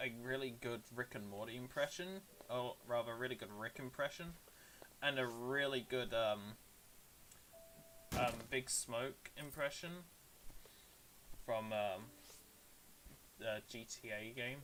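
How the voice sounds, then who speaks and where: A man's voice: medium pitch, a little slow, pauses often, a bit bright, slight background noise. A British man streaming a game, chatting casually with viewers in a rambling, self-deprecating way. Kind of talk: casual live-stream chat, answering viewers.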